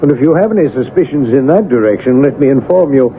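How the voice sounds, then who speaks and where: A man's voice: mid-range voice, lively intonation, quick pace, close to an everyday voice. A man playing an anxious, proper doctor in a radio drama, with a formal, fussy way of speaking. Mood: affronted, formal. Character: anxious, proper male doctor and estate executor. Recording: tinny old radio recording, faint noise.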